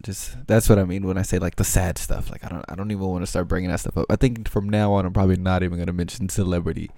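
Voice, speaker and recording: A man's voice: deep voice, steady tone, quick pace, creaky, mellow, no room sound, clean studio sound. A man hosting his own podcast, rambling in loose, slangy casual chat with lots of filler words. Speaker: podcast host.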